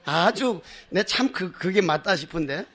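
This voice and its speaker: Lively impassioned older monk. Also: male voice, high-pitched, measured pace. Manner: impassioned, emphatic; acts out quoted voices, laughs at his own stories. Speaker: Buddhist monk. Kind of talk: Buddhist dharma talk.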